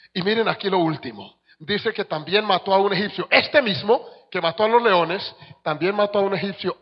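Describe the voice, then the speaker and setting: A man preaching a sermon as pastor, swinging from soft asides to shouted exhortations. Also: a little high, husky, lo-fi sound.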